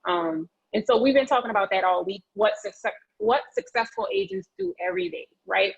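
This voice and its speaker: Lady running a pep-talk training on a video call, husky voice, chatty and folksy, kinda muffled audio. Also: a little high, animated, brisk. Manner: chatty, folksy, encouraging audience participation. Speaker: real estate agent leading a training session. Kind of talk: interactive motivational presentation on a video call.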